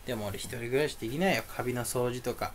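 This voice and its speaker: A young streamer grumbles through a rambling solo monologue, his complaints bursting out loudly; his medium-pitched, quick voice sounds angry even when he isn't. There is a little hiss or hum.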